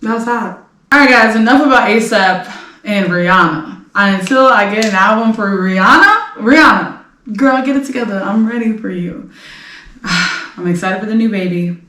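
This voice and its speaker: A woman's voice: mid-range voice, animated, moderate pace, sharp tone, reverberant, recorded from a distance. A woman in her late twenties hosting a celebrity gossip podcast, talking casually in a brash, blunt way and swearing freely. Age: late 20s. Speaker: podcast host.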